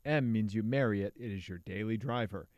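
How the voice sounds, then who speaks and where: A man voicing a mock-serious game announcer in a put-on foreign accent, deadpan and formal. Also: on the low side, fairly quick, dry recording, highs cut off, lightly acted.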